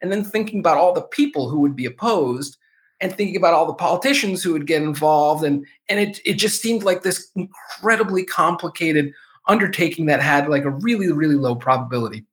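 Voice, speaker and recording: A man gives an interview as a former business executive. His voice sits slightly high for a man. He talks candidly and laughs at himself a little. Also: animated, fairly quick, poor audio.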